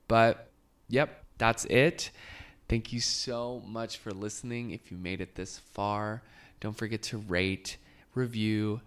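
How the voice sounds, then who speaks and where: A man's voice: fairly low pitch, fairly bright tone, smooth. A man hosting a podcast, telling a gossipy recap in a sarcastic, casual way. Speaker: podcast host.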